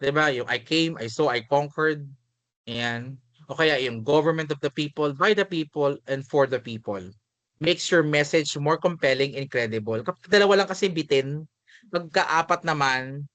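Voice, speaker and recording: A male teacher with a Filipino accent talks through a lesson in a relaxed, conversational way, moving between Tagalog and English. His voice sits a little high, and the recording is close and dry with no room sound. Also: no echo. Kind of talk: spoken lecture.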